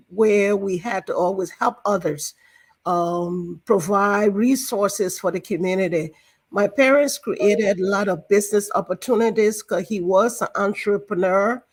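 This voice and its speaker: A woman in her sixties from Liberia, a banking director guest in an interview, talking in a measured, explanatory way with frequent fillers. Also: mid-range voice. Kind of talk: interview talk.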